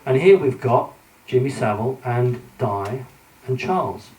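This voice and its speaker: A man's voice: medium pitch, expressive, unhurried, darkish tone. Man lecturing in an echoey hall. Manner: earnest, hesitant with frequent fillers. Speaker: conference speaker. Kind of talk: conference lecture with slides. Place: conference hall. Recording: echoey hall, mic at a distance.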